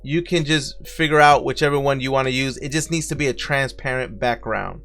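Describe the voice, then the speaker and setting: A man with a Brooklyn accent hosting a casual software tutorial, friendly and walking viewers through each step. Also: mid-range voice, fairly quick, soft background music. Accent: Brooklyn New York. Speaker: streaming tutorial host.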